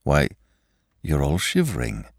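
A man voicing a calm, loyal manservant who soothes his master in a low, steady voice. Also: moderate pace, no room sound, clean studio sound. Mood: soothing.

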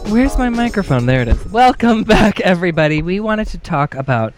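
A man's voice: high-pitched, very animated, a little fast, over loud music. A man hosting a TV after show, bantering playfully with his co-hosts. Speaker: host. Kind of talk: casual chat on an after show.

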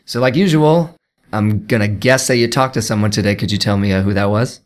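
A man co-hosting a podcast in casual conversation, with a low, gravelly, hoarse voice that sounds worn out. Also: fairly quick. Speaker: podcast co-host.

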